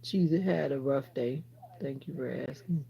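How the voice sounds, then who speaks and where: Speaking at a measured pace in a gravelly bass voice, a woman runs a casual phone livestream with lo-fi sound. She talks straight to her viewers, responds to their comments, and drifts into rambling asides.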